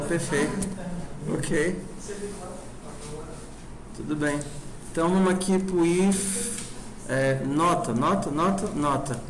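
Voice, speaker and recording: A man teaches a programming class with a slightly higher voice, spelling things out slowly and checking in with the students as he goes. The classroom sound is roomy, with a faint hiss behind him. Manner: informal, asks the class constant check questions. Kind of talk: classroom lecture.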